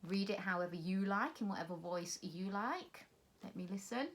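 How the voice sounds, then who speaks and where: A woman's voice: medium pitch, lively intonation. Encouraging woman teaching phonics. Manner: slow, clearly spelled-out words, encouraging. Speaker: primary school teacher. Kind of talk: recorded phonics lesson for children.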